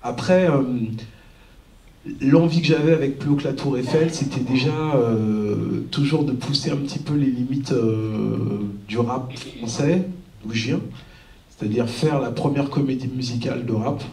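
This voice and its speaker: Dark-voiced man heard far in a hall. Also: mid-range voice, a little slow. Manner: hesitant, searching for words. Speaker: panel guest, rap artist. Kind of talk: live panel discussion. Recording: roomy hall from a distant mic.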